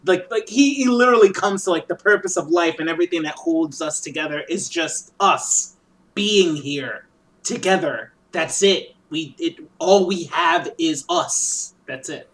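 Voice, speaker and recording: A woman's voice: lowish voice, unhurried. A woman co-hosting a podcast, talking casually about a movie, full of fillers and freely swearing. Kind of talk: casual movie review chat.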